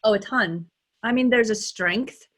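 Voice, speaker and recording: A woman, a dialect coach, talking in a relaxed interview, animated and laughing often, with many restarts. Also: fairly high pitch, a little slow. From United States. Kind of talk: conversational interview.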